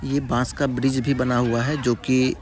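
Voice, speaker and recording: A man's voice: mid-range voice, level tone, moderate pace, noisy background. Man narrating a riverside travel vlog. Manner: friendly, addresses viewers as friends. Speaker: travel vlogger. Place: outdoors at a riverside picnic spot.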